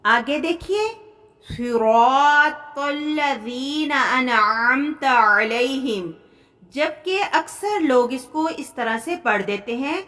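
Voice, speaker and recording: A woman with a Pakistani Urdu accent teaching Quran recitation in a recorded lesson, explaining common mistakes and slowing into drawn-out recited examples. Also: sits high, bright, forceful tone.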